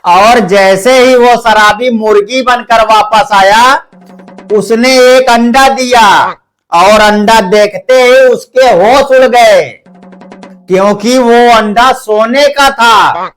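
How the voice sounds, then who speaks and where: A man telling a string of short jokes in a measured storytelling delivery, over faint background music. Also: very high voice, a bit bright. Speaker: joke teller. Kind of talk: narrated joke telling.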